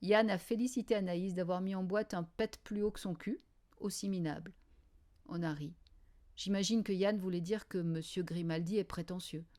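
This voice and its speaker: A woman narrating a children's novel in the first person, in a quiet, wry diary style. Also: on the low side. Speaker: audiobook reader.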